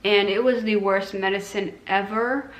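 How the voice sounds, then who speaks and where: A woman with a mid-range voice talks at a normal speed and with fairly even intonation, chatting casually to the camera about recovering from her own surgery. Her informal storytelling is sprinkled with quoted asides, and the room sounds roomy and echoing.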